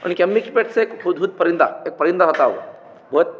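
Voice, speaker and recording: A man's voice: sits high, animated, quick pace. A man giving a religious teaching talk, repeating his points and asking rhetorical questions. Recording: dull, echoey hall with faint noise.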